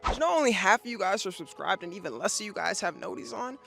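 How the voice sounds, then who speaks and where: A man's voice: sits high, expressive, fast talker, vocal fry, pushed and bright. A young man hosting a reaction video, joking around in casual, profane slang.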